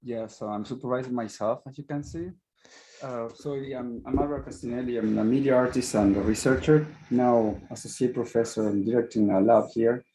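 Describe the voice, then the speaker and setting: A man's voice: mid-range voice, steady tone, brisk, mellow, rough recording. A man, an associate professor, introducing himself in a wry, casual way over a video call. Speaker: associate professor and media artist. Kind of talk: online panel self-introduction.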